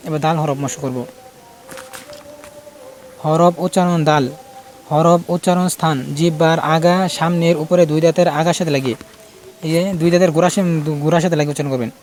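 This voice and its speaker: A man's voice: a little high, fairly even intonation, a little fast, long pauses, darkish tone. A man teaching Quran pronunciation in a casual spoken lesson, repeating letter sounds and explaining where each is made in the mouth.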